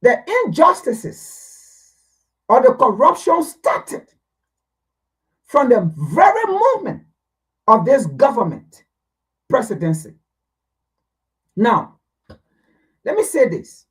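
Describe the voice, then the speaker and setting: Lively, emphatic commentator. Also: medium pitch, takes it slowly, long pauses, rough recording. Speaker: panelist. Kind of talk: political commentary.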